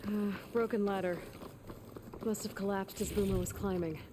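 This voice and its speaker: An actress playing a young woman hunter in a video game, calm, practical and reassuring. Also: medium pitch, normal speed, slight background noise, close to an everyday voice. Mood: steady. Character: young woman hunter, steady, resolute explorer. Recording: game audio under loud music.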